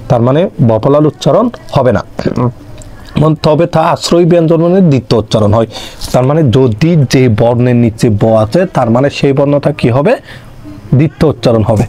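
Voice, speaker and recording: A man's voice: mid-range voice, dark tone. A young man tutoring online, explaining a grammar lesson step by step and answering his own questions. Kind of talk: exam-prep grammar lesson.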